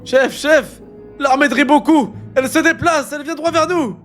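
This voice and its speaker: A man's voice: very high voice, moderate pace, a bit bright, faint music behind, voice pushed up. A man voicing panicked young male soldiers who call urgently to their chief while reading a manga aloud. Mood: alarmed. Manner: urgent, breathless reports.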